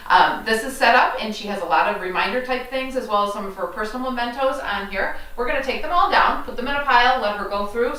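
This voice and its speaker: A woman presenting unscripted organizing tips to camera, explaining step by step with hesitant pauses. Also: a little high, sharp tone. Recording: roomy, distant mic, chatter behind.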